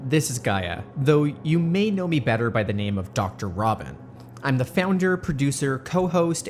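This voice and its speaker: A woman's voice: very deep voice, darkish tone. A woman hosting a podcast, reading a scripted announcement to listeners. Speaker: podcast founder, producer and co-host.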